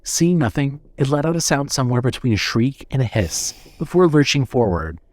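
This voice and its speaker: A man narrating a horror story in a steady, suspenseful reading style. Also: mid-range voice, slight background noise.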